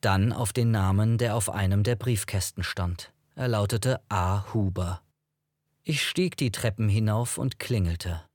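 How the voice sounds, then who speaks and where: A man reading a first-person novel as an audiobook narrator, in an even, measured storytelling manner. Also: on the low side, no echo, studio quality.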